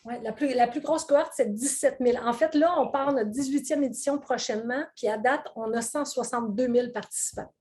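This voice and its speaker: A middle-aged woman with a Québécois French accent, chatting as a guest in an interview and telling animated stories with many fillers and frequent laughter. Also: on the high side, brisk, few pauses. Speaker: weight-loss coach, guest. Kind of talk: casual interview chat.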